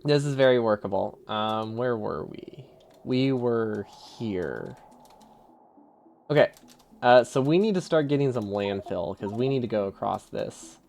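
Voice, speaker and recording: A man's voice: on the low side, expressive, unhurried, vocal fry, darkish tone, a little hiss or hum. A man streaming a video game live, thinking aloud, chuckling often and answering his chat in a casual, easily amused way.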